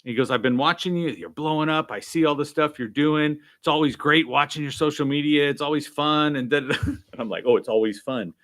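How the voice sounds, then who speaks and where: A man's voice: fairly high pitch, fairly quick. A man guest in a casual interview, telling stories and acting out quoted dialogue, with many "right?" and "I'm like" asides. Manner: animated, acts out quoted dialogue. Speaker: guest, sales trainer.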